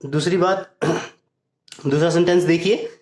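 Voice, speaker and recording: ऊँची आवाज़ वाला हिंदी व्याकरण शिक्षक, गूंजता कमरा. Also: male voice, fairly high pitch, steady tone, a little mellow. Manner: explains step by step, repeats points, reads English examples slowly. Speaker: English grammar teacher. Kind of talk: Hindi-language grammar lesson. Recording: echoey room.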